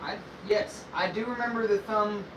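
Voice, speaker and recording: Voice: medium pitch, steady tone, moderate pace. An easygoing streamer chatting in a dry, matter-of-fact way while playing a game. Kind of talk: casual banter. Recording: noisy stream audio.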